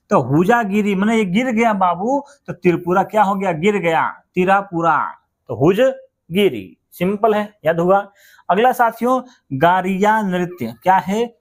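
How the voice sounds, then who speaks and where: A man teaching memory tricks for a general-knowledge exam, chatty, asking questions and answering them himself. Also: high voice. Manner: chatty, repeats words, asks and answers himself. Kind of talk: mnemonic exam-prep lesson.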